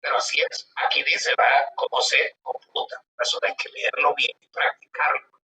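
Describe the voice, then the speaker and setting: A man lecturing on law, reading legal articles aloud and explaining them in a conversational way, often asking rhetorical questions. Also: moderate pace. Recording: roomy, distant mic with background noise.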